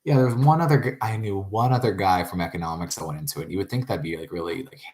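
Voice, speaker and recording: A young man with a somewhat low voice hosts a casual podcast chat. He rambles and jokes, leaning on fillers as he talks. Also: quick pace, darkish tone. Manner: rambling, joking, many fillers. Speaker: podcast host.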